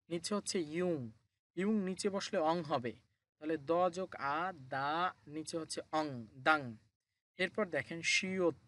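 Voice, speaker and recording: Male tutor with a slightly high voice who builds up each word syllable by syllable. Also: a bit bright. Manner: slow, repeats and spells out each syllable. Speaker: language teacher. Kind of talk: explaining Korean pronouns in a lesson.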